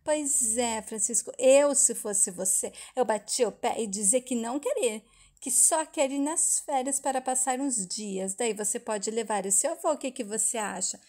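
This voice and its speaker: A scheming woman with a Brazilian Portuguese accent, read out by a woman recapping a soap opera, talks a small child around. She is insistent and persuasive and leans hard on key words. Her voice sits fairly high. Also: normal speed, mellow, natural voice. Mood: coaxing. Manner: insistent, persuasive, dramatic stresses.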